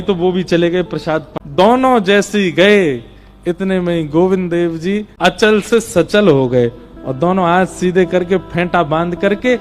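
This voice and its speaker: A man narrating a devotional story in an expressive, reverent way. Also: high voice.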